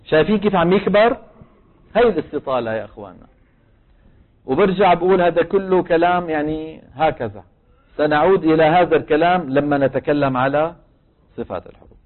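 Levantine teacher with a thin, phone-like sound. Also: male voice, a little high, fairly quick, long pauses. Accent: Levantine Arabic. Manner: explains patiently, asks the class questions and answers them himself. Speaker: Quran recitation teacher. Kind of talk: tajweed lesson.

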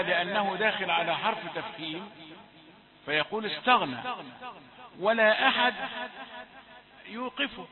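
A man leads a recitation lesson in a high voice, moving between explanation and slow chanted examples. The sound is thin and phone-like, and a gathered crowd can be heard behind him. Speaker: Quran recitation teacher.

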